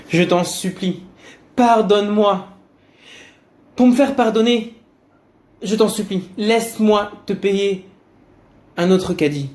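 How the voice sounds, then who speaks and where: A man voicing a burly, irreligious man who shouts accusingly and later pleads in a low, tearful voice. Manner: shouting, raised and fast when angry; low, soft and pleading when remorseful.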